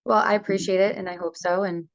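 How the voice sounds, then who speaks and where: A woman's voice: mid-range voice, steady tone, quick pace, vocal fry, no echo. A woman singer talking casually and chattily in a remote interview, heard over a conference call whose audio breaks up. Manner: chatty, loose, many fillers. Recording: dull lo-fi call audio, dry.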